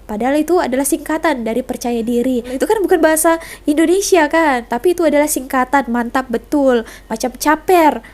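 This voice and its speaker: A woman's voice: sits high, a little fast, darkish tone. A woman host, chatting casually with short remarks. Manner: short interjections and explanations. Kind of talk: casual chat.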